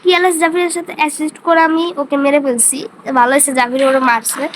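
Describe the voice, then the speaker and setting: High-voiced excitable woman gamer. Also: fast talker. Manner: excitable, chatty, talks to viewers. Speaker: gaming streamer. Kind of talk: casual gameplay commentary. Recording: noisy background hiss.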